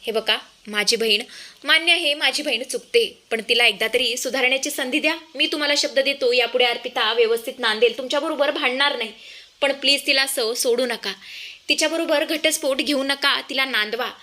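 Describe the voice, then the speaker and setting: A woman's voice: high-pitched, fairly quick, bright, forceful tone. A woman voicing a desperate young man who begs and implores on his sister's behalf. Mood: begging. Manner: begging, imploring.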